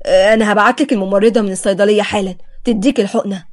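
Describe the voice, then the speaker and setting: A woman voicing a shy, frightened young male doctor who speaks softly and timidly in a storybook reading. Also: medium pitch, fairly even intonation, racing, close to an everyday voice. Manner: soft, timid.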